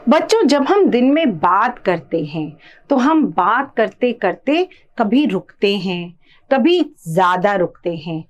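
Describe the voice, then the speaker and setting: A woman teaching a children's grammar lesson, her voice a little high and swinging widely in pitch. She speaks slowly and patiently, explaining with examples and putting questions to the class.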